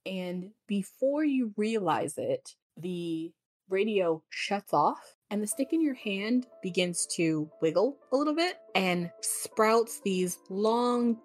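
A woman narrating a tabletop game as game master, in a casual, quick way with fillers. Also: medium pitch.

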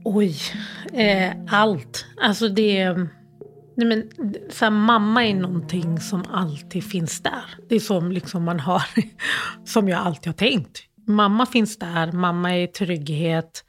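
Faint music plays behind a middle-aged woman from Sweden, a mid-range-voiced interview guest telling an emotional story haltingly. She restarts, fills gaps with fillers, and acts out old phone calls in her own voice.

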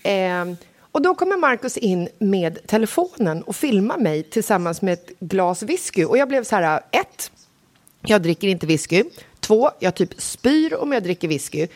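A woman co-hosting a podcast in casual chat, dramatic and expressive as she tells a story. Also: medium pitch. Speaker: podcast co-host.

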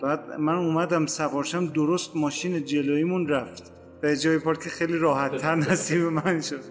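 A man telling a personal anecdote in a round-table podcast, relaxed, with many hesitant fillers. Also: a little high, in a large hall, faint music behind. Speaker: podcast guest.

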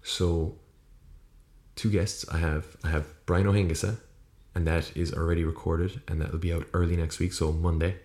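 An Irish man with a very low voice talks solo as a podcast host. His intonation stays flat while he rambles casually, corrects himself and swears offhand. The room around him sounds echoey, with poor acoustics. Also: normal speed. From Ireland. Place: small room, indoors. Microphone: USB podcast microphone.

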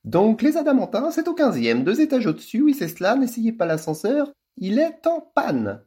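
A girl in a children's storybook fakes the voice of a grand society lady, all affected and theatrical, as a man reading it puts her on. The voice sits far above a man's own and sweeps up and down. A husky grain stays underneath. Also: extremely high pitch, huge pitch swings, moderate pace, dark tone, pitched above the performer's own voice, full character voice. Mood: mock posh. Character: girl putting on a posh high-society lady voice.

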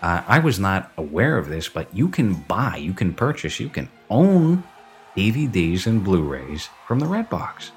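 Low-voiced with wide pitch swings, a man talks unhurriedly as a podcast host, rambling through an opinionated, casual film review and correcting himself along the way. The recording carries reverb from an empty basement.

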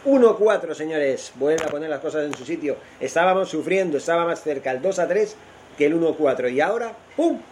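A man with an accent from Spain doing excited live football goal commentary, shouting goals and repeating his exclamations. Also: on the high side, brisk, a little hiss or hum. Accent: Spanish from Spain. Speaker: football commentator on an online radio stream.

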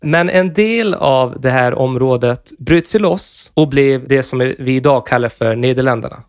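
A man co-hosting a podcast, explaining history in a relaxed, chatty way and swearing now and then. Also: mid-range voice, dry recording, clean studio sound. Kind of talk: casual podcast chat.

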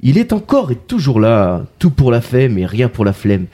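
A man's voice: medium pitch, wildly swooping pitch, moderate pace, warm tone. A man hosting a casual podcast, introducing guests with playful puns and wordplay. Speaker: podcast host. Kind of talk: casual chat.

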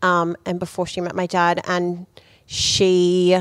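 A young woman telling a story in casual podcast chat, full of "like" and quick laughs. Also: lowish voice, completely flat delivery, smooth, dry recording. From Australia. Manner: chatty storyteller, many likes and laughs. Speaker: guest.

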